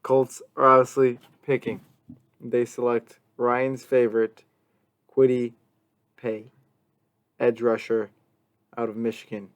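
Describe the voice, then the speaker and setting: Slow, clear-voiced man reading draft picks. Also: medium pitch, little pitch movement, no room sound. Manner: measured, announcer-like reading. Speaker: podcast co-host.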